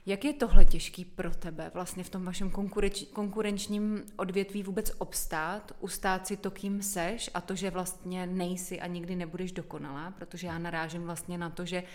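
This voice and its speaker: A woman's voice: lowish voice, flat delivery. A woman hosting a conversation, asking earnest and probing questions in long winding sentences. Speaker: interviewer, host. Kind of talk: reflective conversation.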